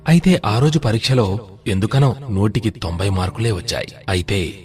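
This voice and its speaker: A man narrating a moral children's story in a measured, scripted storytelling manner. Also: lowish voice, darkish tone, soft background music.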